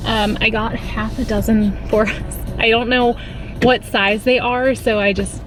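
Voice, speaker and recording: A woman's voice: fairly high pitch, level tone, unhurried. A woman in her thirties chatting casually to camera for her vlog, rambling with lots of filler words and sounding stuffy from a cold. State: congested from a cold. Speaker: vlogger. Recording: echoey room with loud background noise.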